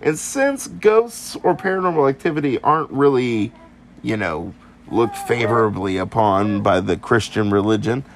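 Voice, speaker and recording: A man's voice: mid-range voice, expressive, moderate pace, a little hiss or hum. A man co-hosting a podcast, casually retelling a ghost story and slipping into silly voices for the people in it. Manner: playful, drops into silly voices for quoted people. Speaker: podcast co-host.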